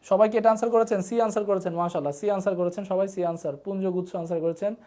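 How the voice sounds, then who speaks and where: A man's voice: high-pitched, fairly even intonation, fast talker, dark tone. A man with a Bangladeshi Bengali accent teaching a live online class, repeating terms and asking viewers to comment. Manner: repetitive drilling, asks viewers to comment.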